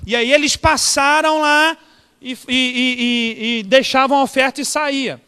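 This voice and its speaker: High, bright Brazilian pastor in a church hall. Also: male voice, measured pace, smooth. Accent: Brazilian Portuguese. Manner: animated, acts out dialogue, asks the congregation questions. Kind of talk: storytelling sermon.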